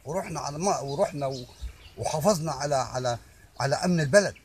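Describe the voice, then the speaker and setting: Older Egyptian man, fairly high-pitched, emphatic. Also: fast talker, slight background noise. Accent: Egyptian Arabic. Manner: emphatic, repetitive, stumbling over words. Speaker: army veteran giving his opinion. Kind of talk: impromptu monologue addressed to the public.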